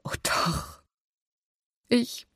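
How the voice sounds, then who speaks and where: Reader playing a sad worn-out older sister, quiet and resigned, husky rough voice. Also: mid-range voice, a little slow, dry recording, studio quality, full character voice. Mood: tearful. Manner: tearful, resigned. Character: young woman, tearful weary older sister. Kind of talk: audiobook character voice.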